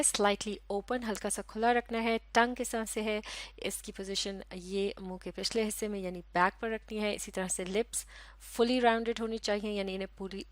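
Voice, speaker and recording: A woman's voice: mid-range voice, no echo. Woman teacher, Pakistani Urdu accent, patient step-by-step phonetics lesson, dry close voice. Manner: slow, repeats each sound several times. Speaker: English teacher.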